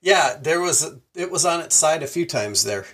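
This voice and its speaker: A man's voice: on the high side, normal speed. A man hosting a podcast interview, chatting casually and laughing along with his guest. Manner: laughs easily, lively. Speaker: podcast host.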